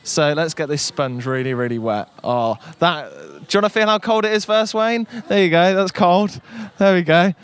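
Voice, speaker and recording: A man's voice: on the high side, lively intonation, normal speed, hardly any pauses, smooth. A man presenting a live local radio broadcast from an outdoor village fair, chatty and upbeat.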